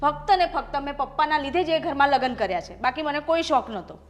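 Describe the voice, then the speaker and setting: A woman's voice: high-pitched, fast, natural voice. A woman playing an unhappy young married daughter and doctor, who pleads and argues with her parents in a short family drama. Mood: upset. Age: young adult. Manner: upset, pleading and defiant. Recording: long reverb with background music.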